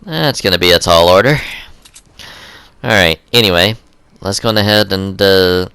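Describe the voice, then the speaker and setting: A young man rambles through casual gameplay commentary, hesitating constantly with ums and uhs. His voice sits low but sounds bright and crisp. It is recorded dry, with no room sound. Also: moderate pace, dry recording.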